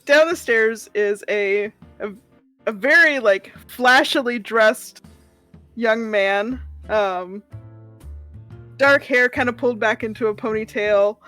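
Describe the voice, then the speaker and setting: A woman's voice: fairly high pitch, takes it slowly, pushed and bright, faint music behind. A woman running a tabletop fantasy game as game master, describing scenes with frequent ums and restarts. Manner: hesitant, many ums and restarts.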